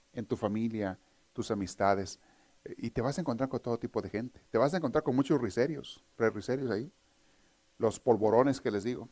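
A man's voice: mid-range voice, dark tone. A man delivers a sermon in an earnest, teaching tone. His voice sits in a middle range, and he speaks directly to his listeners. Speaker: preacher.

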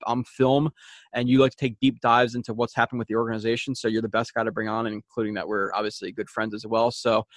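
Young man, podcast host, rapid casual speech, informal rambling, dry recording. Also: medium pitch, no room sound. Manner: rambling, informal, mildly salty. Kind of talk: casual sports podcast talk.

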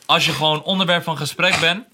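A man's voice: on the high side, steady tone, fast, noisy background. A man on a casual podcast who asks the others questions and steers the talk. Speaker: podcast co-host.

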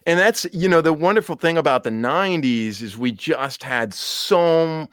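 A man in his thirties co-hosting a casual music chat, telling stories excitably and acting out the dialogue. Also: fairly high pitch, normal speed, clear, resonant tone, no room sound, studio quality. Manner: excitable, acts out dialogue in quotes. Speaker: podcast co-host. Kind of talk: casual chat, animated storytelling.

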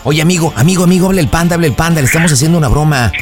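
A man with a Mexican accent hosting a prank call radio show, coaching his callers in an animated, playful way. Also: on the high side, racing, music in the background. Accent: Mexican Spanish. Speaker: radio host.

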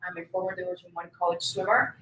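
Speaking fast in a lowish, somewhat bright voice, a twenty-something Colombian political candidate gives forceful, speech-like interview answers. There's a little hiss or hum, and the room echoes with faint background ambience.

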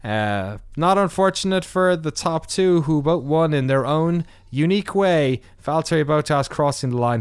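A man's voice: mid-range voice, clean tone, no room sound, clean studio sound. A man hosting a podcast, giving a casual race recap with wry asides, rambling through many fillers and restarts. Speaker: podcast host.

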